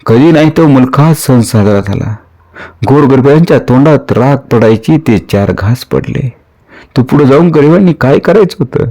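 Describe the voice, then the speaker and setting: A man narrating a historical story in an expressive, dramatic manner. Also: medium pitch, normal speed.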